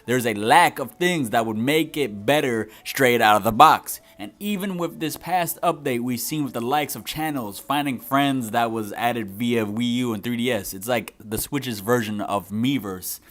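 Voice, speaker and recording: A man's voice: mid-range voice, normal speed, hardly any pauses, a bit bright. A young man giving a scripted but conversational video game review as its host.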